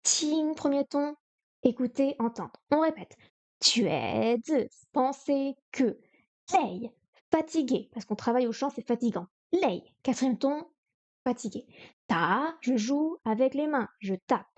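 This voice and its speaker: A woman streams her study session, drilling words over and over and counting pen strokes under her breath. She talks at an unhurried, slow pace in a fairly high voice. The sound is muffled and lo-fi, like basic stream audio. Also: expressive, darkish tone. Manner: repeats vocabulary and counts strokes aloud, chatty self-talk. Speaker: streamer studying Chinese live. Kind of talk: live study stream, thinking aloud.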